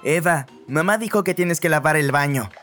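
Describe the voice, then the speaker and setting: An actor voices an insistent older brother passing on orders to his sister. The voice is mid-pitched and plain. Faint music plays underneath. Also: brisk, a bit bright, lightly acted. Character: older brother, young, bossy.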